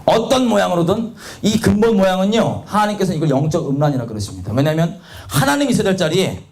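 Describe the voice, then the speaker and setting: A young man preaching a sermon, telling his own story in a confessional, animated way and acting out quotes. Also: high-pitched, fast.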